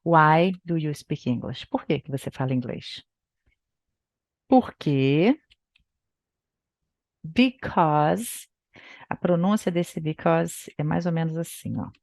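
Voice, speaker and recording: A Brazilian woman, a native Portuguese speaker, teaching English by reading a book aloud and explaining it in Portuguese, with slow, careful pronunciation drills. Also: low voice, animated, gravelly, darkish tone, dry recording, studio quality.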